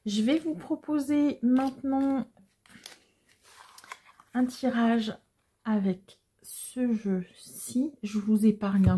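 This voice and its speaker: A woman giving a casual tarot reading to viewers, explaining the cards gently and hesitantly with frequent pauses. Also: medium pitch. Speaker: tarot card reader.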